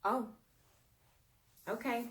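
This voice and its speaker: Slow-talking chatty young woman vlogger. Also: on the high side, steady tone, fairly bright tone. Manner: chatty, many fillers, muses aloud to herself. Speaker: beauty vlogger. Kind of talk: casual product review.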